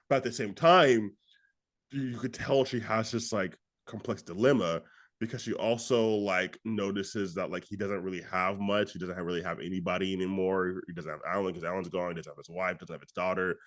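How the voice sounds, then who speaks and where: A young man, low-voiced and casual, co-hosts a podcast about films. He rambles through his points, stacking "like" and restarting sentences as he goes. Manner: rambling, heavy use of "like", animated retelling. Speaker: podcast co-host. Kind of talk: casual film discussion.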